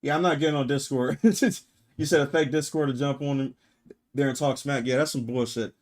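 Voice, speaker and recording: A man's voice: medium pitch, steady tone, fairly quick. A man streaming live, talking bluntly and emphatically to his chat, peppering his points with profanity and rhetorical "right?" tags. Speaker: streamer reacting and reading chat. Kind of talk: casual livestream rant.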